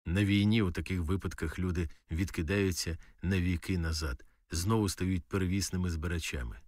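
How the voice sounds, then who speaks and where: A man narrating an audiobook in a steady, matter-of-fact storytelling manner. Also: sits low, normal speed, no echo, studio quality, distant mic. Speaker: audiobook reader. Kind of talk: audiobook narration of a war novel.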